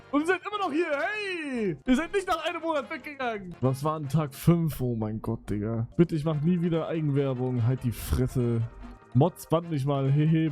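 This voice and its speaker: A young man streaming live, reading out chat messages in a mocking, casual way, swearing often and jumping between muttering and loud outbursts. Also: a little high.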